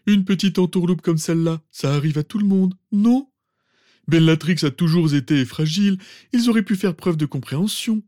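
A man voicing a pompous, sentimental old male wizard professor, with theatrical, drawn-out exclamations. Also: high voice, warm tone, no echo, clean studio sound, close to an everyday voice. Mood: fussing. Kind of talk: fan audiobook reading.

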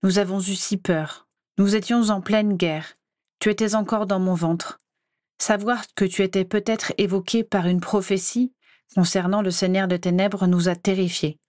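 A woman voicing an anxious, protective mother of a teenage wizard in a fan-fiction audiobook, softly worried and coaxing. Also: mid-range voice, fairly even intonation, normal speed, no room sound, studio quality, close to an everyday voice. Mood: fearful recollection. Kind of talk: audiobook character voice.

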